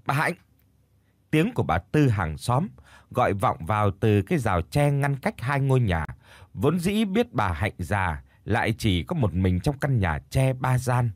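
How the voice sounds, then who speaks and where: Male ghost-story narrator, lively intonation, dry close sound, unhurried. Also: medium pitch, no echo.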